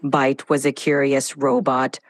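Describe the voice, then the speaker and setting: A woman's voice: extremely low pitch, flat delivery, a little slow, no echo, voice pushed down. A female-sounding AI voice assistant voicing a dramatic robot narrator in a robotic voice, telling a bedtime story.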